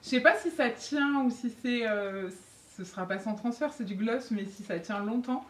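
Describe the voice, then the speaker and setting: A woman chatting excitedly and giggling as she unboxes makeup for her beauty vlog. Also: on the high side, normal speed. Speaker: beauty vlogger. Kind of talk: casual unboxing chat. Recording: echoey room, faint noise.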